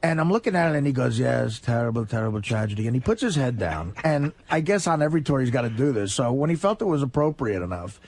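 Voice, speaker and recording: A man co-hosting a radio show, telling a comic story in an animated way. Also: on the high side, fast, hardly any pauses, dry recording. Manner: animated anecdote, chuckling. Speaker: radio co-host.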